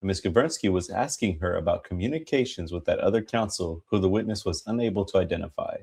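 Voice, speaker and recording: Male, deep voice, gravelly fry, formal emphatic delivery, dramatic transcript reading. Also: fast, darkish tone. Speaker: reader voicing an attorney in a hearing.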